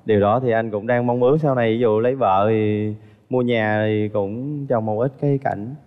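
A man from Ca Mau, a contestant talking gently and earnestly on a dating show. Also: lowish voice, steady tone, moderate pace, phone-quality sound. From Ca Mau, southern Vietnam. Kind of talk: casual conversation. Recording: reverberant TV studio with music.

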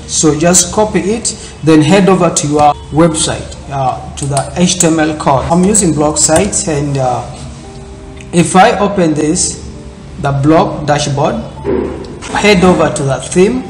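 A man's voice: a little high, measured pace, a little mellow, echoey room, soft background music. A man hosting a screen-recorded tech tutorial, walking through steps in loose, repetitive phrasing with many fillers. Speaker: tutorial host. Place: indoor room, seen in corner webcam.

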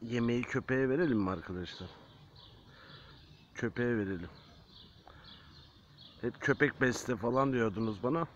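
Man coaxing strays outdoors, soft calls. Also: mid-range voice, moderate pace, long pauses, dull audio. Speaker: vlogger feeding stray animals. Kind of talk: casual vlog talk to viewers. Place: outdoors by a building. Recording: faint outdoor noise. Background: faint outdoor ambience with animals and birds.

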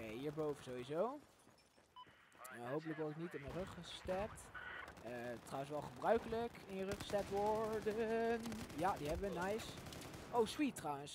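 A young man casually commenting on his own shooter gameplay, chatty and excitable, blurting out English exclamations when surprised. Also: high voice, background noise. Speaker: gaming channel host. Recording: game gunfire loud behind voice.

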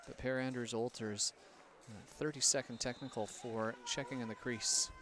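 A man giving color commentary on a lacrosse game, relaxed and analytical, joking with his partner. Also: mid-range voice, moderate pace. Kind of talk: live sports commentary. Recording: noisy outdoor ambience behind the mic.

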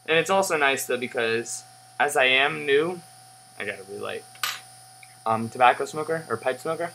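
A young man giving a casual, rambling review in a halting way that trails off, recorded on a webcam in a living room. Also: medium pitch, lively intonation, bright, forceful tone. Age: young adult. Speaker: pipe tobacco reviewer. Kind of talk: casual unscripted review chat. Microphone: webcam at desk distance. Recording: humming, noisy webcam audio.

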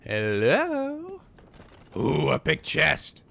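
A man hosting a comedic let's play, talking in an animated, joking way and swearing often. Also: on the high side, very slow, gravelly, a little hiss or hum.

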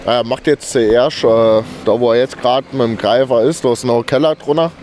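A man from Saarland with a Saarland German accent, a demolition worker calmly explaining the job on site. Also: mid-range voice, normal speed. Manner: matter-of-fact, explanatory. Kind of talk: explaining the work. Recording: outdoor noise with traffic.

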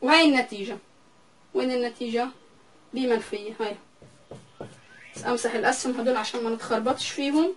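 A woman teaches a recorded math lecture. Her voice sits high, and she works through the material step by step, saying each value aloud more than once. The mic is some way off, so she sounds a little distant. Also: fast talker, long pauses, slight background noise.

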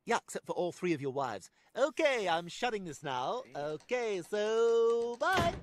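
A man's voice: high voice, very animated, a little slow, noisy background. A man voicing a haughty, condescending talking baby boy in a cartoon. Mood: snooty. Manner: prissy, clipped and condescending.

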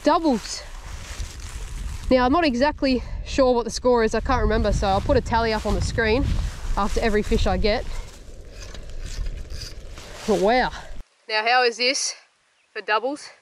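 A man's voice: very high-pitched, normal speed, long pauses, slight background noise. An Australian man recording a fishing vlog outdoors on a grassy shoreline, chatting upbeat and explaining his tackle and tips as he goes. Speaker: fishing vlogger. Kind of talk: casual to-camera fishing commentary.

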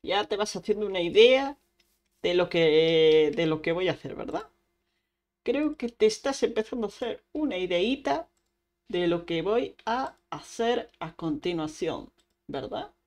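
A woman's voice: mid-range voice, lively intonation, moderate pace, a little mellow. A woman, streaming Minecraft casually, chatting to herself and making little sound effects as she plays. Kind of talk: casual Minecraft let's play.

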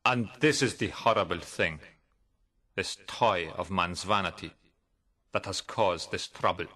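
A man's voice: deep voice, a little slow, bright, forceful tone, exaggerated voice. A man voicing a sinister old vampire count in an audiobook, speaking in solemn, menacing warnings.

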